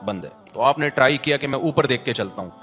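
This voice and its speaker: A man with a Karachi Urdu accent giving a religious lecture, moving between chanted recitation and chatty, animated asides. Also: medium pitch, husky, faint music behind. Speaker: preacher.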